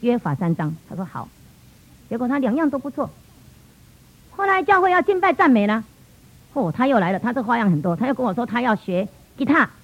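A middle-aged woman with a Taiwanese Mandarin accent tells a church testimony at a brisk, tumbling pace, in a voice pitched somewhat high. She brings the story to life by acting out what her relatives and children said. The recording is muffled and lo-fi. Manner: lively storytelling, acting out family dialogue. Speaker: church speaker giving testimony.

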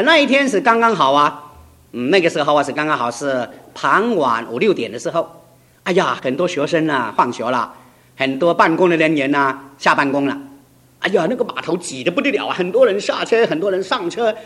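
A man's voice: a little high, fairly bright tone. A middle-aged male pastor preaching a sermon, telling a story with emphatic, urgent build-ups.

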